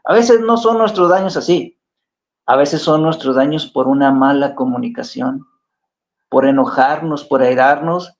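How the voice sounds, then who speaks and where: A man's voice: a little high, unhurried. A man giving an earnest exhortation on a Bible program, speaking to fellow believers. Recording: dull lo-fi sound.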